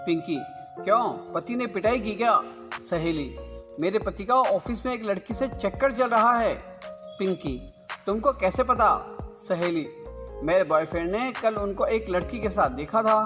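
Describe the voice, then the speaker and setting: A man's voice: high-pitched, unhurried. A man reading short jokes aloud in plain storytelling, closing with a request to like and subscribe. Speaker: joke reader and channel host. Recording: long reverb over loud background music.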